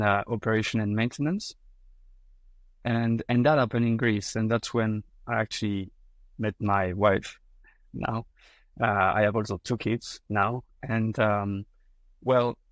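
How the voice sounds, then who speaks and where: A man in his thirties from France, speaking with a French accent in a lowish voice, is a guest on a podcast interview. He sounds hesitant, full of fillers and restarts, and there's no echo.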